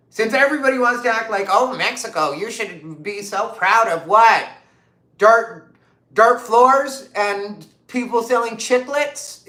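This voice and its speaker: A woman from Arizona chats casually on her livestream, reading out comments and firing off emphatic rhetorical questions loaded with fillers. Her mid-range voice is a bit bright, and the room is reverberant.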